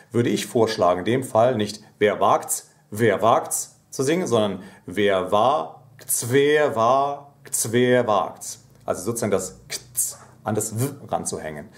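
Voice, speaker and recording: A man giving a singing lesson, explaining technique calmly and singing short demonstration phrases. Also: on the low side. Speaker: singing teacher.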